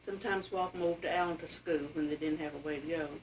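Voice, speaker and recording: An elderly woman with an Appalachian accent and a fairly low voice. She talks in a plain, folksy, reminiscing way. The recording is faintly noisy, with the mic some distance off. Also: fairly even intonation, quick pace. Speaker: interviewee telling family history. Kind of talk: casual oral-history reminiscence.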